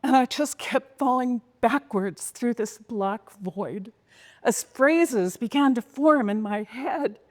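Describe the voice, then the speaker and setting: A woman telling a dramatic personal story in a slow, intense way, sometimes sinking to a whisper. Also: on the high side, big-room sound. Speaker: speaker.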